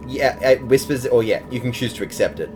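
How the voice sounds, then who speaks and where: A man's voice: medium pitch, animated, fairly quick, a little mellow, rough recording. A man acting as game master, casually narrating a tabletop game. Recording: clear background noise.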